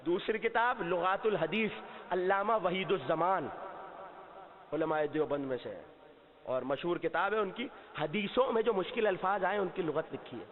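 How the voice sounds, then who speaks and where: A man giving an impassioned sermon to a seated gathering, asking the listeners questions and at times shouting. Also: high-pitched. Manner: impassioned, rising to shouts at key points; asks the audience questions and answers himself. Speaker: Shia cleric giving a majlis sermon. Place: mosque or hall before a seated gathering. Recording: long reverb, tinny phone-like sound.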